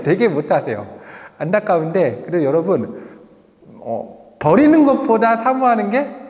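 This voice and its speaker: Animated male pastor in a reverberant church. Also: a little high. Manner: animated storytelling with rhetorical questions. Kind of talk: sermon with personal testimony and closing prayer. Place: church sanctuary.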